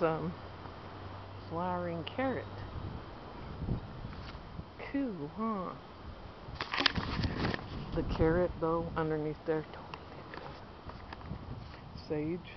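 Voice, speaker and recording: Thirties woman, casual garden-tour vlogger, handheld outdoor camera with dull sound and steady background noise. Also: lowish voice. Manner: chatty, pointing things out while walking. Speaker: home gardener. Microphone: handheld camera at arm's length.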